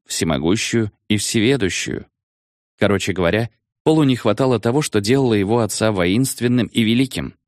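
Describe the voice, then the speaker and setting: A man's voice: fairly low pitch, no echo, studio quality. A man narrating a novel as an audiobook, telling it expressively. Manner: expressive, animated storytelling.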